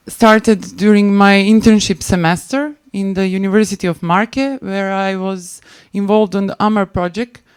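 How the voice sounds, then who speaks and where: A maritime spatial planner with a Serbian accent gives a prepared conference presentation, sounding hesitant and halting and often restarting phrases. Her mid-range voice is smooth, and the recording is dry.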